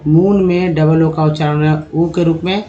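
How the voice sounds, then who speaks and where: A man's voice: fairly high pitch, steady tone, dark tone, dull audio. Man teaching English word by word. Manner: repeats each word slowly and spells it out; addresses viewers as friends. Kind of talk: spoken English lesson.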